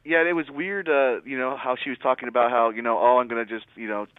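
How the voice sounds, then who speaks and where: A man calls into a podcast on an old landline phone, so his voice comes through thin and boxed in like a phone line, with no room sound at all. His pitch sits in a middle range. As a co-host he rambles and keeps circling back to his point. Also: steady tone, fast talker, no room sound. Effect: calling in over an old landline phone. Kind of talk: casual podcast chat about fights. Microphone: old rotary landline handset.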